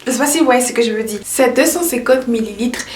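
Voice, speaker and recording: A woman's voice: a little high, quick pace, slight background noise. A woman chatting casually as a hair care vlogger, upbeat and repeating herself, her voice carrying a heavy echo. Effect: heavy echo around the voice. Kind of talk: casual product review. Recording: echoey room, voice far from mic.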